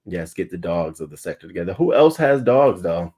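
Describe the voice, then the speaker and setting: A man in his thirties hosting a livestream morning show, chatting loosely with profanity and sudden loud bursts into a webcam mic. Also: sits low, a little fast, husky. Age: 30s. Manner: loose, profane and animated, often bursting louder. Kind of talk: casual livestream chat.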